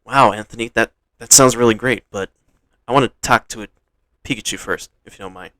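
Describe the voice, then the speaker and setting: A man's voice: lowish voice, a little fast, sharp tone, no room sound. A man playing an earnest, competitive young male trainer in a fan-told story, speaking in a sincere, sometimes hesitant way.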